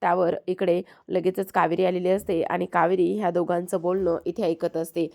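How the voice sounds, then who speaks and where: A woman's voice: fairly low pitch, little pitch movement, normal speed, gravelly, a little mellow. Woman narrating a TV episode recap. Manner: retells scenes step by step, reading characters' lines aloud.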